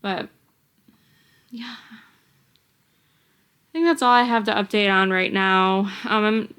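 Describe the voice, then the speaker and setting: A woman's voice: mid-range voice, fairly even intonation, takes it slowly, a bit bright, clear, resonant tone. A pregnant woman in her twenties talking casually to camera in a rambling vlog, often out of breath. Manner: rambling, chatty, filler-heavy. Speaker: vlogger.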